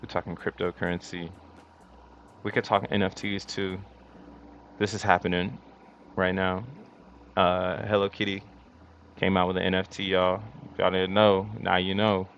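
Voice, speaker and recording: A man hosting a casual crypto livestream in slangy, hyped-up crypto bro talk, chatting to his viewers with drawn-out emphasis. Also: low-pitched, flat delivery, a bit bright. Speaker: livestream host. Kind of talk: casual crypto commentary to a live chat. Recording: dull lo-fi mic with faint background noise.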